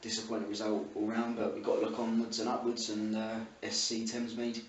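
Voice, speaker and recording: A man's voice: on the low side, monotone, brisk. A man with an English accent working as a club TV interviewer, putting questions after a match. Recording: roomy, distant mic, faint ambient noise.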